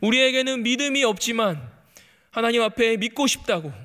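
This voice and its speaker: A male preacher delivers an earnest sermon, turning often to the congregation. His voice is very high and bright. A long reverb trails after his words, as in a large hall. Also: animated, brisk. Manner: earnest, repeatedly addresses the congregation; reads scripture aloud and quotes it dramatically.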